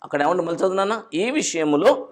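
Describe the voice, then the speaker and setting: A man preaching a sermon, moving between loud urgent exhortation and low, intense warnings. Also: lively intonation, brisk. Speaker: pastor.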